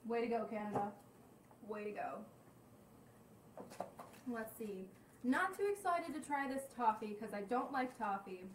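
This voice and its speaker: A woman's voice: a little high, lively intonation, a little slow, pauses often, distant mic, slight background noise. Young woman tasting snacks in an echoey room. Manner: chatty, candid reactions while tasting. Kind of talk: casual snack review vlog. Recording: roomy echo, voice off-mic.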